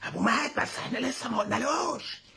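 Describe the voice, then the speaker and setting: A man's voice: extremely high pitch, expressive, racing, creaky, pushed and bright, husky, voice pushed up, full character voice. A man with an Egyptian accent voicing a middle-aged female school supervisor who talks in a sneaky hissing half-whisper. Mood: hissing secrecy. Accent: Egyptian Arabic.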